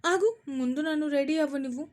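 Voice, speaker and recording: A strict young mother who scolds her family and stammers when cornered, as a woman reads her in an audio story. The voice is fairly high and close to the reader's own. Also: a little fast, a little mellow, lightly acted. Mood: flustered.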